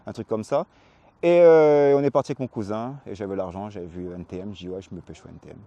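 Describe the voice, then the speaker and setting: This Paris-based interviewee, a graffiti artist from the hip-hop scene who was born in Réunion, is in his forties and talks fast in a mellow, lowish voice. He stumbles, repeats himself, and leans on slang, and the lo-fi recording has no room sound.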